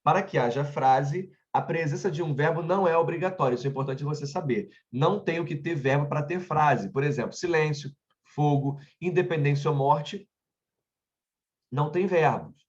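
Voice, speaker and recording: A man's voice: a little high, moderate pace, highs cut off. A man with a Brazilian Portuguese accent, teaching an online grammar lesson in a conversational way, often stopping to check in with his students and drifting into chatty personal asides.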